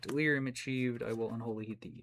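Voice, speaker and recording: A man playing a card game who explains the rules calmly and narrates each of his plays aloud. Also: medium pitch, fast. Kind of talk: casual banter while playing.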